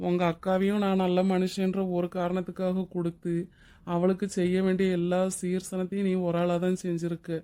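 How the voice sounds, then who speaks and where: A woman voicing a kind, generous middle-aged husband in a cartoon drama, speaking in a warm, steady, reassuring way. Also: on the low side, moderate pace, clear, resonant tone, natural voice. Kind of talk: Tamil cartoon drama voice acting.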